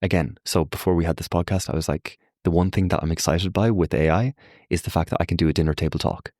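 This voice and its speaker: Deep-voiced young man musing aloud. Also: fast talker, dry recording, clean studio sound. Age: young adult. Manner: animated, acts out quoted voices, frequent fillers. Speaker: podcast guest. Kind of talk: reflective conversational explanation. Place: Ireland.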